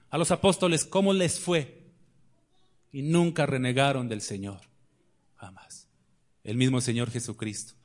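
A man preaching a sermon, firing rhetorical questions and swinging between loud declarations and quiet asides. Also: mid-range voice.

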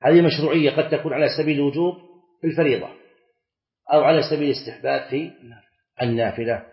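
A middle-aged man, teaching a class, reciting verses slowly and quizzing students with short questions. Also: a little high. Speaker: Islamic scholar teaching a class. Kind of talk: classroom lecture on Arabic grammar and scripture. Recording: echoey, dull lecture-hall recording.

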